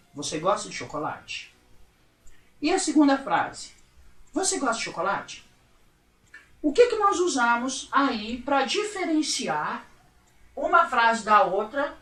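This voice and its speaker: A woman's voice: on the high side, a bit bright, far from the mic. A woman teaching English to Portuguese speakers in a chatty recorded lesson, often checking in with the class. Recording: echoey room, voice off-mic.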